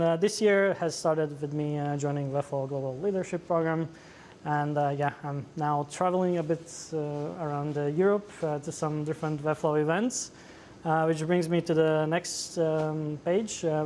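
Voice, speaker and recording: A man from Latvia with a Latvian accent, presenting at a tech meetup, pausing often with many "uh"s. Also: a little high, darkish tone, a little hiss or hum. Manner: hesitant, many fillers. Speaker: conference speaker. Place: meetup venue.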